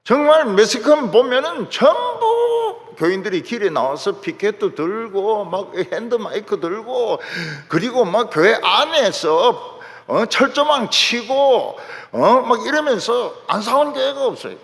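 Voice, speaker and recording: A man's voice: high-pitched, a little slow, few pauses. A male pastor, preaching a sermon and acting out the people in his stories. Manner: animated storytelling, acting out quotes. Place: large church sanctuary. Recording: long hall reverb.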